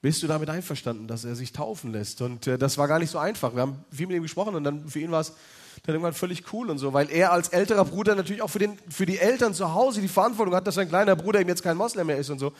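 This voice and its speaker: A man in his thirties with a fairly high voice tells a personal faith story to an evening gathering. He speaks in a loose, chatty way, often pausing on fillers as he goes.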